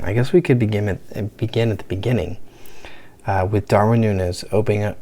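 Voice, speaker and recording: Hushed, gravelly-voiced man at night. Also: fairly low pitch. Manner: hushed, half-whispered delivery; rambling with frequent "uh" and restarts. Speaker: football fan channel host. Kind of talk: casual match reaction, talking quietly. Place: room at home at night.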